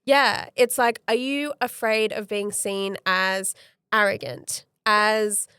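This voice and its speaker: A woman's voice: mid-range voice, steady tone, slow, sharp tone, clear, resonant tone, no room sound, clean studio sound. A woman, a coach on a podcast, talking reflectively and acting out her own past thoughts. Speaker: guest coach. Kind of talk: casual interview chat.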